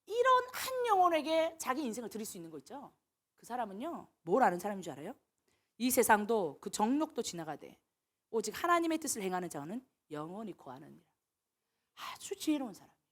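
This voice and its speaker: A woman's voice: on the high side, big pitch swings, fairly quick. A woman missionary preaching a sermon, telling stories animatedly and acting out the dialogue she quotes.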